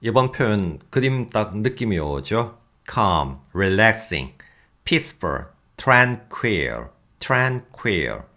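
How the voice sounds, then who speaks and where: Lively low-voiced male English teacher. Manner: lively, self-mocking asides with chuckles; reads English examples slowly and deliberately. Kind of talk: recorded vocabulary lecture.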